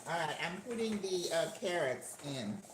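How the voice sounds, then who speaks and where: Cooking live in a roomy, echoey home kitchen with faint background noise, this older channel host chats casually with viewers in a low, animated voice at a moderate pace, laughing frequently.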